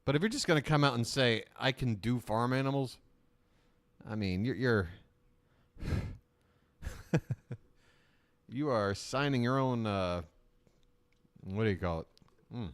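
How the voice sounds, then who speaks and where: Riffing sarcastically on a shopping broadcast during his live reaction stream, this man jokes and laughs frequently, his pitch leaping up in mock rants. He talks a little slowly and leaves long pauses.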